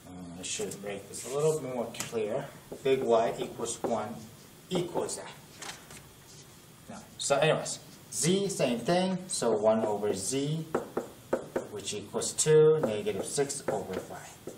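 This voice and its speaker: A young man tutoring math at a classroom whiteboard talks through a problem in a casual lesson, backtracking to correct himself. His medium-pitched voice is a bit slow but lively in intonation, and it sounds strained, like he's losing it. Faint noise and echo come through the far-off camera mic.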